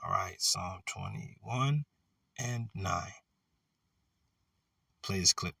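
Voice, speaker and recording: Bright-voiced fiery man preaching. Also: deep voice, extremely slow, gravelly, breathy edge, distant mic. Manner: fiery, slangy, shouts "woo" between verses. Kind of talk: casual online sermon with scripture reading.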